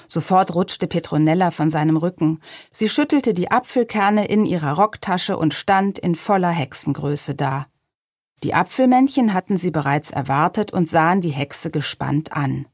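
A woman reading a children's storybook aloud in a calm, measured way. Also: lowish voice, breathy edge, dry recording, studio quality.

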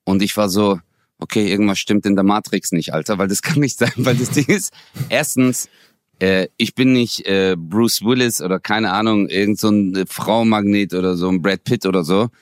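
Podcast co-host, a man in his forties from Germany who tells animated stories full of slang, close dry sound. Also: fairly low pitch, normal speed, dry recording. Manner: animated, slangy, acts out quoted dialogue. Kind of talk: casual storytelling chat.

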